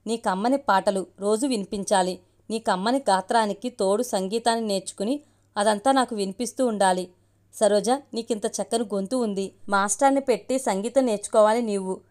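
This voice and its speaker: A woman's voice: mid-range voice, moderate pace, a little mellow, natural voice. A woman reading the lines of a kind, teasing young man in a family story, in a light tone.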